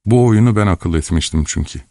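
A deep-voiced man narrating a novel in a measured, steady way. The recording is dry and close, with no room sound. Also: dry recording. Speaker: audiobook narrator. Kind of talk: scripted narration.

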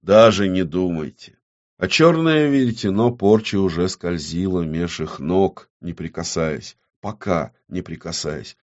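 A man reading an audiobook aloud in a grave, measured way. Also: sits low, animated, muffled recording. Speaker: audiobook narrator. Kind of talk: dramatic audiobook narration.

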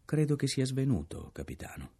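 A man voicing a calm, courteous sailor. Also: low-pitched, fairly quick, breathy edge. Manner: unruffled, courteous. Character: calm, polite male sailor.

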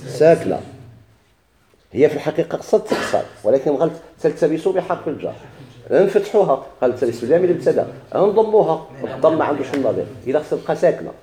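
Fast-talking Moroccan teacher in an echoey room. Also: male voice, a little high, very animated, warm tone. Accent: Moroccan Arabic. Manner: asks questions and answers them himself; repeats key words slowly for emphasis. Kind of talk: grammar lesson in dialect.

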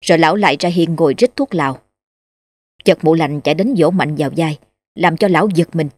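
A woman narrating a ghost story in a steady, measured way. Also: sits low, no echo.

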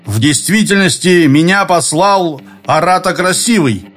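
A man's voice: high-pitched, animated, a little slow, a bit bright, voice pushed up, full character voice. A man voicing a sly boy who plays a captured bandit, grudging and evasive in an audiobook reading.

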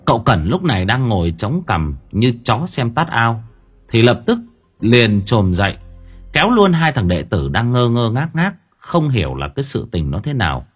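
Lively husky male story narrator. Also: medium pitch, normal speed, faint music behind. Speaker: audiobook narrator.

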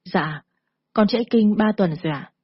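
A meek, frightened young woman speaking in a timid, polite voice, read by a woman storyteller. Her tone is breathy and husky, dry and close, with a dull lo-fi edge. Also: mid-range voice, a little slow, dry recording.

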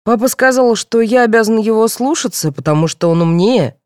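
A woman reading the part of a clever, cheeky teenage boy who calmly argues back. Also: fairly high pitch, fairly quick, no echo, studio quality, pitched above the performer's own voice, lightly acted. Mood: smug. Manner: calm, reasoning, pert.

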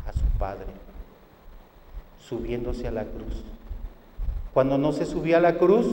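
A man with a Mexican Spanish accent preaching a sermon at a retreat, swinging from hushed to loud and acting out quoted prayers. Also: mid-range voice, a little hiss or hum. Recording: roomy hall with long reverb.

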